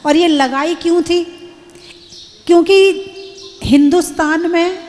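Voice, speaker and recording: A woman's voice: very high-pitched, slow pace, a little mellow, in a large hall. A woman, a Jain nun, giving an emphatic sermon and putting rhetorical questions to her audience.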